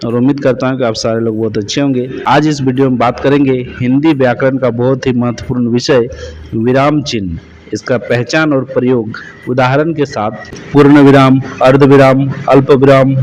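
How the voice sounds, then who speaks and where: A man teaching a grammar lesson as a voice-over, slowing down to stress his example sentences. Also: medium pitch, darkish tone, slight background noise, poor audio. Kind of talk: explanatory lesson.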